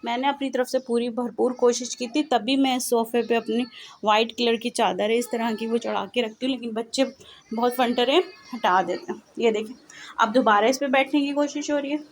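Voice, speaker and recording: A woman's voice: a little high, steady tone, fairly quick, slight background noise. A young mother chatting to her viewers in a casual home vlog, explaining her day and turning aside to scold her children, recorded on a phone indoors. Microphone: mobile phone camera.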